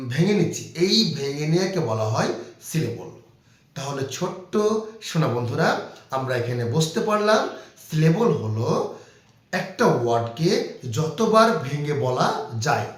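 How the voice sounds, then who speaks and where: Male teacher, slightly high voice, patient repetitive kids' lesson, very reverberant room. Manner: slow, repetitive explaining to young kids. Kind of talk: children's grammar lesson. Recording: very echoey room.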